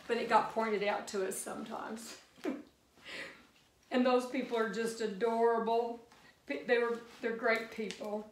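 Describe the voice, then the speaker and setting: An older woman talks through a recipe in a relaxed, folksy ramble, her voice sitting a little high. She is recorded from a few feet away in an echoey home kitchen, with a faint hiss underneath. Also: far from the mic. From Missouri Ozarks. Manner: chatty, rambling, folksy asides. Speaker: cooking video host. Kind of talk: casual cooking demonstration.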